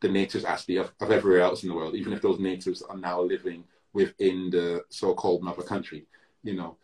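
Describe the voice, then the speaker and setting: Joining a reflective video-call conversation from a room at home, a deep-voiced British musician with Barbadian heritage takes his time, restarting thoughts and padding gaps with "you know" as he works things out. His tone is level and a little mellow, with slight background noise.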